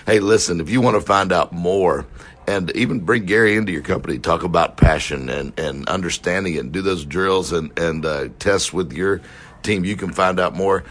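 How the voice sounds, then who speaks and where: A man hosting a podcast as a success coach, giving a quick, loose outro full of fillers. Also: low voice, fairly bright tone.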